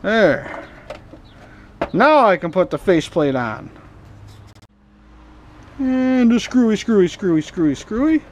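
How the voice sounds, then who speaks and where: The recording is muffled, with a little hiss or hum, as a man with a high-sitting voice narrates slowly, leaving long pauses between big swings in pitch. He's the host of hobby repair and scrapping videos, casually muttering folksy asides to himself while he works at the bench.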